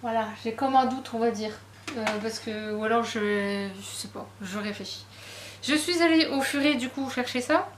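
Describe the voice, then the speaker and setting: Woman book vlogger, casual haul chat, chatty and self-deprecating, fairly high voice, roomy sound with faint noise. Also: normal speed.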